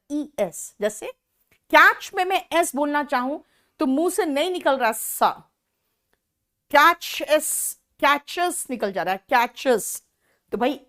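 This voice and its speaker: A woman teaching an online English class, explaining slowly in Hindi mixed with English and praising students by name. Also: high voice.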